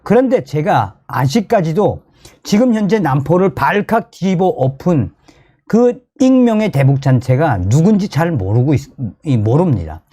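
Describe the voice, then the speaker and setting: A man from North Korea with a North Korean accent, delivering news commentary to viewers in an emphatic, excitable way and often repeating his phrases. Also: on the high side, normal speed, breathy edge. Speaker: host of a commentary channel.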